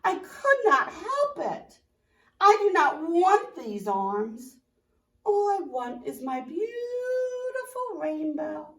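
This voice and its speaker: Lady doing a squeaky crying tadpole boy begging sorry, storybook, echoey room. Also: sing-song, slow pace, a bit bright, full character voice. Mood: pleading, tearful. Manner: tearful, begging. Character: lovesick young male tadpole, pleading. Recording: roomy, from a distance.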